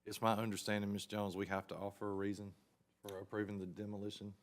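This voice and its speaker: A man's voice: on the low side, level tone, fast talker. A man chairing a city commission meeting, running motions in an informal, folksy way.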